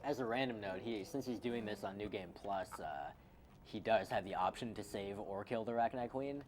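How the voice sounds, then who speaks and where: A man's voice: fairly low pitch, normal speed, darkish tone. A man giving casual commentary on a game run, chatty and explaining with plenty of fillers. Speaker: marathon commentator.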